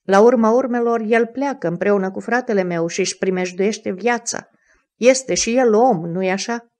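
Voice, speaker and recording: A woman's voice: mid-range voice, natural voice. A woman reading the part of a candid, spirited young noblewoman in an audiobook, earnest and a little defensive.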